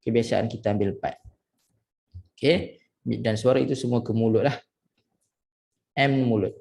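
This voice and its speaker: A man with a Malaysian Malay accent teaching tajwid, correcting pronunciation and slowly drawing out and repeating Arabic syllables. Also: medium pitch, gravelly, a little mellow. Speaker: Quran recitation teacher.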